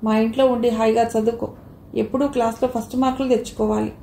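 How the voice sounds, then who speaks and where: A woman voicing a kind, firm middle-aged father in an audio novel, speaking gently. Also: fairly high pitch, flat delivery, fast talker, slight background noise, lightly acted. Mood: gentle. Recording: roomy echo.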